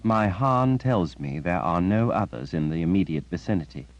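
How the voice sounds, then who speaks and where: A man voicing a calm female warrior who speaks quietly. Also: deep voice, normal speed, no echo, highs cut off.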